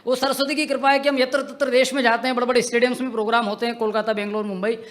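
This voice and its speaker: A young man with a high, bright, punchy voice performs comic poetry from a stage microphone. He jokes and teases the crowd playfully, like a seasoned stand-up poet. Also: little pitch movement, very fast. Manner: joking, playful, teasing audience. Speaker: comedic poet. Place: outdoor stage tent at a poetry gathering.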